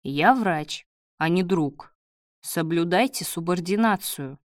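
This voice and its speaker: A woman reading the part of a gruff, hungover male doctor who speaks curtly and snaps orders. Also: high-pitched, animated, slow, dry recording, studio quality. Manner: curt, snapping orders.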